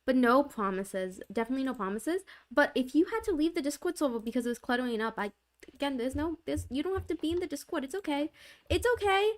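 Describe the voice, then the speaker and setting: A young adult woman streams from her home gaming setup into a desk mic, talking fast in a high voice with lively intonation. Her casual live-stream chat is giggly and rambling, and she often repeats herself.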